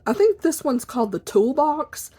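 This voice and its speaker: A woman chatting casually and informally at her desk for a video, in an apologetic, rambling way, with a squeaky chair that may creak behind her. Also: sing-song, normal speed, mellow. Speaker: video blogger. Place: at a desk indoors.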